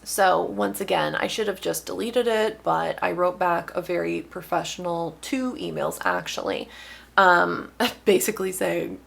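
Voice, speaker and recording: Bright, gravelly woman venting wryly. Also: lowish voice, measured pace. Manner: wry, exasperated, talks with lively emphasis. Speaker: author. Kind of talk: casual vlog talk to camera.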